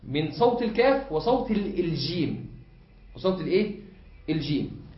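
A man's voice: fairly high pitch, big pitch swings, moderate pace. Egyptian sheikh quizzing his class. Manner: asks the class to fill in words, repeats points. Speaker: sheikh teaching a lesson. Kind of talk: classroom lesson. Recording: echoey hall, muffled lo-fi.

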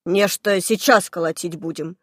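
A woman's voice: on the low side, normal speed, fairly bright tone, breathy edge, dry recording, studio quality, pitched below the performer's own voice. A woman voicing a simple, obliging male peasant servant who speaks plainly and deferentially. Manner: plain, deferential, folksy speech.

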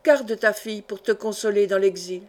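A woman's voice: mid-range voice, steady tone, normal speed, close to an everyday voice. A woman voicing a bold, outspoken older woman servant, blunt and anguished, close to her own voice.

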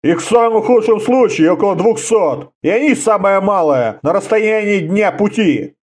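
A man reading an audiobook, voicing a blunt, gruff bandit who roars back at the others. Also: high-pitched, lively intonation, moderate pace, voice pushed up. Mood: roaring. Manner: blunt, roaring. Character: gruff male bandit, Conan's companion.

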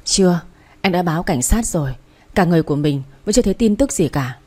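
A woman reading a storybook voices a wealthy young father who gently comforts his wife and turns commanding and threatening when his son goes missing. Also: high voice, lively intonation, fast talker. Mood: soothing. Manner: protective, commanding.

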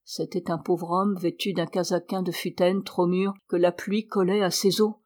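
A woman reading a classic novel aloud in steady, measured narration. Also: fairly low pitch. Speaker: audiobook reader. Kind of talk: scripted narration.

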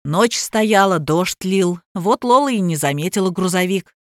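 A woman doing a stolid, calm chauffeur. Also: lowish voice, dry recording, studio quality. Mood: matter-of-fact. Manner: unhurried, matter-of-fact, colloquial. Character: stolid male chauffeur, calm and plain-spoken. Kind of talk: audiobook character voice.

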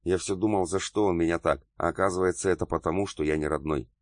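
A hurt, insecure young man speaks in a choked, tearful way, read by a man. The voice is low and the sound is dry. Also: fairly even intonation, quick pace, no echo, close to an everyday voice.

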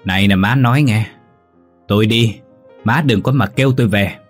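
Một người đàn ông giọng khàn, giọng miền Nam, lồng tiếng một gã trai trẻ say xỉn, lè nhè và ngang ngược. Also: male voice, fairly low pitch, moderate pace, breathy edge, faint music behind. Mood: belligerent. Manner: slurred, defiant shouting. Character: drunk, belligerent young man, slurring.

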